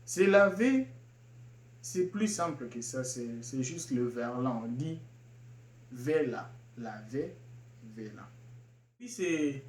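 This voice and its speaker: A man explaining slang terms one by one, repeating each word and pausing with fillers. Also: on the high side, lively intonation, reverberant. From Kinshasa, DR Congo. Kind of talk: casual explanatory talk.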